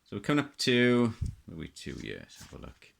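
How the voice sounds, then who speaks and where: With a gravelly, low-pitched voice whose pitch swoops wildly, a middle-aged man gives casual unscripted show-and-tell as a hobbyist presenter. Showing items one by one, he speaks haltingly, muses in pauses, and repeats himself a lot.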